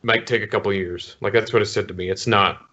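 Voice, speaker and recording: A man's voice: lowish voice, fairly even intonation, fast talker, pushed and bright. A man co-hosting a casual gaming chat show, reacting with short blunt and sweary remarks. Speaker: podcast co-host. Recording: dull lo-fi stream audio.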